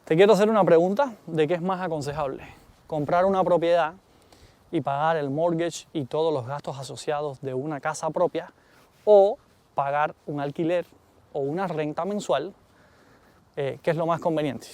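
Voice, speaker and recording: Cuban guy vlogging, casual and animated, voice on the higher side. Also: normal speed, dry recording. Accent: Cuban Spanish. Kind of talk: casual chat to camera.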